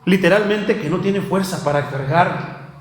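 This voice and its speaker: Pastor, male; high, bright voice; sermon full of rhetorical questions, recorded in an echoey church. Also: a little slow. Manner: rhetorical questions, addresses listeners as brother.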